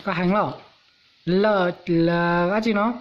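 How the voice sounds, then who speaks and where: Loud coaxing woman on a dull recording. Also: lowish voice, steady tone, unhurried. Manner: loud, coaxing prompts and questions. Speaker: adult prompting a child to recite. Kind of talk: casual coaxing at home. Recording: dull lo-fi phone video with faint hiss.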